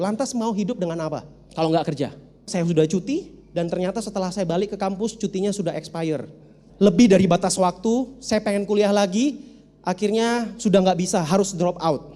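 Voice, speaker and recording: His voice sits high and sounds mellow as he jokes and speaks directly to listeners. He is a motivational speaker delivering a storytelling seminar talk, recorded in a reverberant hall.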